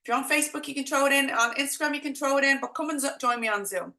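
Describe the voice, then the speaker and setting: Woman, Dublin accent, high bright voice, chatty encouraging coach, live webinar delivery, roomy echo. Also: racing. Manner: chatty, encouraging, addresses viewers directly with pep talk. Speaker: business coach hosting an online workshop. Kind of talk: informal live webinar presenting.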